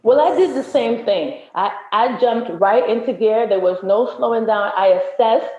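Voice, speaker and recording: Articulate, emphatic woman guest; higher pitch; echoey room, dull lo-fi audio. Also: normal speed, dark tone. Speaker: podcast guest, entertainer. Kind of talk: casual interview chat.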